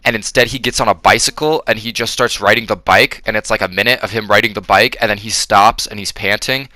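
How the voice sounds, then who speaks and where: A man's voice: on the low side, steady tone, a little fast, pushed and bright, dry recording. A man giving a casual, rambling, profane spoken review of a film, full of fillers and restarts.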